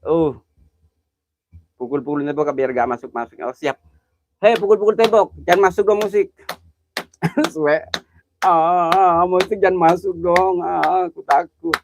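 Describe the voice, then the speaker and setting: A man's voice: high-pitched, unhurried, pauses often, noisy background. A man hosting a live ghost-hunting stream, chatting nervously with viewers and calling out their names. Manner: jumpy, chatty, greets viewers by name, nervous exclamations. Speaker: livestream host. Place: outdoors at night near an old well.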